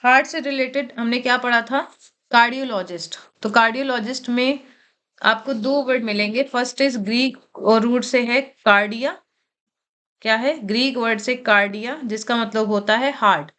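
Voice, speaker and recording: A woman's voice: on the high side, moderate pace, a bit bright. A woman teacher giving a vocabulary lecture for exam preparation. She mixes Hindi with English terms, repeats key words and asks and answers her own questions.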